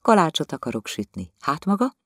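A man's voice: huge pitch swings, dry recording, clean studio sound, heavily acted. Man doing a timid young housemaid. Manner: soft, timid questions, turning to a high frightened whisper. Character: young shy housemaid, frightened yet gentle. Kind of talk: audiobook dialogue.

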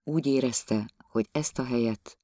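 Reading a novel aloud, this male narrator keeps a measured pace and brings an expressive storyteller's touch to the scripted text. He has a mid-range voice, captured at studio quality with no room sound.

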